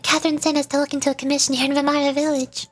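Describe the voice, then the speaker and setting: A woman streamer and VTuber chats casually and rambles while livestreaming a game, stumbling over words as she reads dialogue aloud. Her voice sits high with little pitch movement, and she talks very fast.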